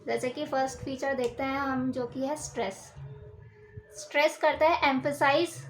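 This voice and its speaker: Higher-voiced woman teaching a lesson. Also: steady tone, slight background noise, rough recording. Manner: explains slowly with examples, repeats key terms. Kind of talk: Hindi lecture for exam preparation.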